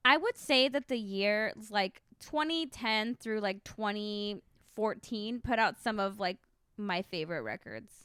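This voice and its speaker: A woman in her twenties chats casually as a podcast co-host. She teases her friends and her words often trail off softly. The recording is dry and close-miked. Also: mid-range voice, animated, a little slow, clear, resonant tone, dry recording. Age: 20s. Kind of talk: casual chat.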